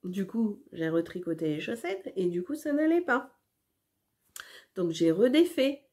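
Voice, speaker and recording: A woman's voice: mid-range voice, lively intonation, measured pace, a little mellow. A woman hosting a knitting vlog, chatting casually with lots of hesitations and restarts while showing her work to the camera. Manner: hesitant, many fillers and restarts. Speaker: knitting podcast host.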